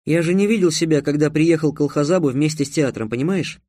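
An earnest, cautious young hero, read by a man in a low, subdued voice. The tone is slightly high for a man and the recording is dry and close. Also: fast, dark tone, dry recording, natural voice.

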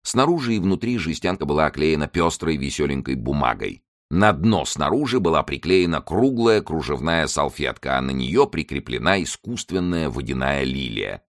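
A man reading an audiobook with a low voice and expressive storytelling. His delivery rises and falls with plenty of movement. The sound is dry and close. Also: moderate pace, few pauses, dry recording. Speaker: audiobook narrator.

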